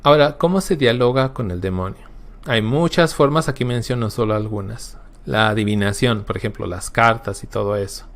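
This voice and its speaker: A man's voice: fairly low pitch, normal speed. A man teaching a recorded Bible class as a catechist, emphatic, repeating words for stress and checking in with his listeners.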